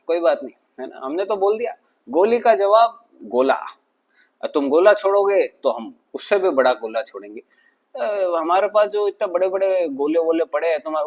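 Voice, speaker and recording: A man's voice: medium pitch, dull audio. A man doing casual, mocking political commentary in a chatty way, constantly addressing his viewers.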